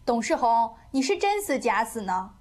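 A woman's voice: on the high side, sing-song, darkish tone. A woman doing the mischievous monk Ji Gong. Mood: teasing. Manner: playful, mocking, sings a slow folk ditty. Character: mischievous eccentric male Buddhist monk, merry and teasing. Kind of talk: storytelling.

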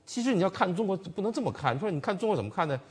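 A man co-hosts a political chat show and retells events quickly. He restarts often and fills gaps with hesitations. His slightly husky voice rises and falls in a lively way. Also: sits high. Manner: rambling retelling with many restarts and fillers. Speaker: co-host, commentator.

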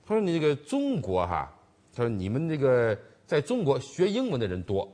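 A man's voice: medium pitch, wildly swooping pitch, normal speed, dark tone. A man co-hosting a commentary show, retelling events in a rambling way with many restarts and fillers. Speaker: co-host, commentator. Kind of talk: political commentary chat.

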